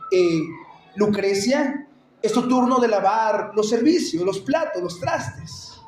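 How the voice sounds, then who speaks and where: A man voicing a gentle old grandmother who calmly lets a boy know she saw everything. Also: high voice, slow pace, a little hiss or hum. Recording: echoey church hall.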